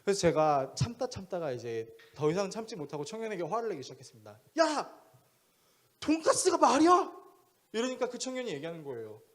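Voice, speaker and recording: A male pastor preaching a sermon in an animated storytelling manner. His pitch sits a little high and moves a great deal as he acts out scenes. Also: quick pace, hardly any pauses.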